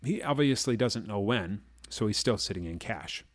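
A man casually explaining markets and trading, pausing to ask "okay?" and "all right?" as he goes. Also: on the low side, expressive, dry recording. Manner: explains slowly with frequent "okay?" and "all right?" check-ins. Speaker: market commentator. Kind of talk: casual finance chat.

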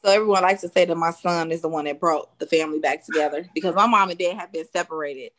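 A woman, a real estate consultant answering interview questions in a steady, matter-of-fact way with frequent "um"s. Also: fairly low pitch, fast talker. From South Side of Chicago. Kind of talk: casual interview guest.

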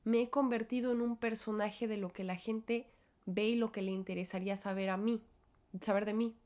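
A woman's voice: medium pitch, steady tone, normal speed, darkish tone. A young woman with a Mexican accent and a cold, hosting a reflective solo podcast and talking in a chatty, self-interrupting way. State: has a cold and a cough. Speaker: podcast host.

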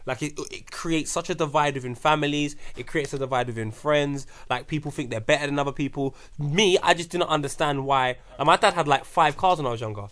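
A man's voice: on the high side, brisk, few pauses, fairly bright tone. A man with a London roadman accent chatting casually in street slang. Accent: London, urban street slang style. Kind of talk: casual group chat.

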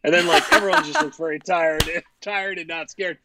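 A man co-hosting a sports podcast, telling stories in a rambling, profane, animated way. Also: high voice, moderate pace, very noisy. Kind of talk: casual chat.

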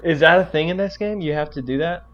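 A man's voice: a little high, fast talker, muffled recording. A man talking in a casual podcast chat, hesitant and repeating his words.

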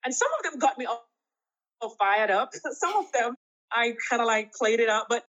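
A woman's voice: fairly high pitch, expressive, moderate pace, a bit bright, dull audio. A woman in her fifties, an interview guest talking in an emphatic, laughing way with big upward swoops. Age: 50s. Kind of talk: casual interview chat.

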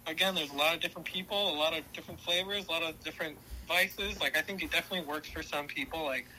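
Young guy, bright edgy voice, says like a lot, keeps restarting, faint hiss. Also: fairly high pitch, quick pace, poor audio. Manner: rambling, many fillers, self-correcting. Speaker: podcast guest. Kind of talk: casual discussion.

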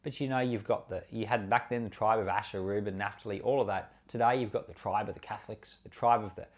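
Talking fast with fairly even intonation, the man's voice is on the low side. He is a pastor and Bible teacher offering informal, earnest commentary on scripture in a conversational sermon, leaning heavily on key words.

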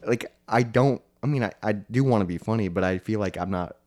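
A man's voice: on the low side, fairly quick, a little mellow. A young man co-hosting a podcast in casual chat, rambling with lots of fillers and frequent laughter. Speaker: podcast co-host.

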